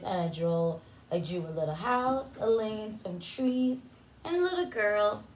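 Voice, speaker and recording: Here a preschool teacher with a medium-pitched, slightly bright voice reads to young children. Her story time is full of teaching asides, with easy questions followed by pauses so the kids can answer.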